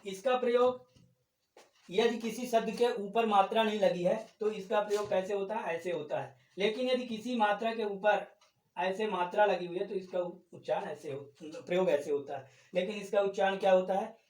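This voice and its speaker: Picked up from far away in a reverberant room, a man with a high voice teaches Hindi grammar at a moderate pace. His classroom-style delivery moves step by step, repeats key terms, and features questions to the class that he answers himself.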